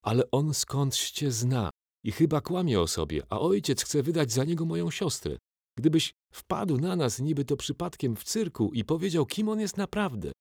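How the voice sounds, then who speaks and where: A nervous young boy from a storybook, voiced by a man. His voice sits high and bright above the narrator's, hesitant and pleading. The recording is close and dry. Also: very animated, normal speed, slightly rough, no echo, heavily acted. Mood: anxious pleading.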